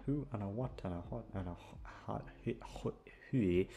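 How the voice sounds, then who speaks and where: With a fairly low pitch, moderate pace and dark tone, an audio roleplay creator wraps up with a loose, rambling outro. He talks to his listeners in a scattered, self-mocking manner and swears freely as music plays behind him.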